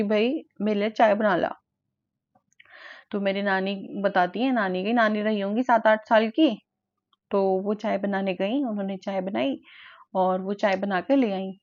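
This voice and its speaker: A woman vlogger retelling family stories in a chatty, animated way. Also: fairly high pitch, no room sound, lo-fi sound. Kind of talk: casual storytelling to camera.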